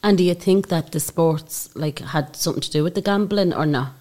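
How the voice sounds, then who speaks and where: An Irish woman hosts a casual interview in a fairly low voice. She is informal and conversational, asking probing questions in plain everyday words. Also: a little fast, a little mellow. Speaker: host, interviewer.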